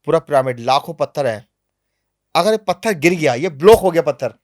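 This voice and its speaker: A man being interviewed on a podcast, telling travel stories in a lively, animated way, sometimes dropping to low, quiet asides. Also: a little fast, dry recording, clean studio sound. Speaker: travel vlogger guest. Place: podcast studio.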